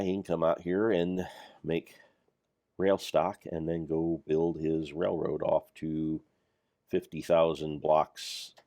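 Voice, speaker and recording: An older man rambles through self-deprecating, jokey, meandering commentary while playing a Minecraft mod pack. He has a bass voice with a darkish tone. The recording is dry and of studio quality.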